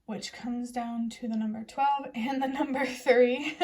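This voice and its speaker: A young woman giving a casual, reassuring tarot reading to her viewers in a gentle, chatty way. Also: on the high side, fairly even intonation, a little slow. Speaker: tarot reader.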